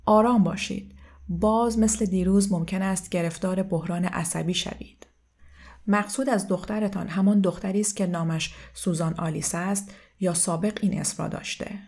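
Woman doing a calm, patient male doctor. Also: on the low side. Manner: calm, measured, gently insistent.

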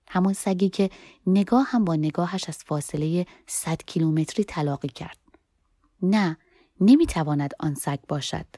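Woman audiobook narrator, low warm voice, soft expressive reading, dry close recording. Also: no echo. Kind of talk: first-person novel reading.

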